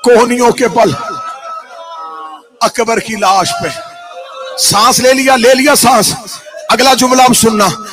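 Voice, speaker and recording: A man delivering an impassioned Muharram sermon to mourners, chanting and shouting in bursts and pleading with the crowd to stay calm. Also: very high-pitched, slow pace, pauses often, faint music behind. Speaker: preacher.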